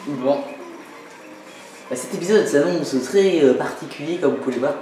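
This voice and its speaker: A man's voice: a little high, moderate pace, warm tone. A man giving casual, self-mocking commentary while playing a video game, with lots of fillers. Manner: joking, self-mocking, many fillers, laughs often. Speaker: let's play host. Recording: very echoey room with game music.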